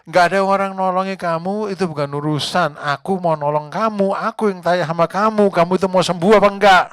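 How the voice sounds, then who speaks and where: A man's voice: a little high, animated, a little mellow, no room sound, clean studio sound, pitched above the performer's own voice. A man voicing God as a firm, insistent speaker who presses the same question again and again. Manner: firm, emphatic, slow and insistent.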